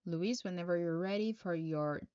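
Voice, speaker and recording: A woman from Brazil, speaking English as her second language with a Brazilian Portuguese accent, reads tarot on a live stream. She voices viewers' questions and answers them slowly, with hesitation. Her voice is on the low side, smooth and a little mellow, in a dry, lo-fi recording.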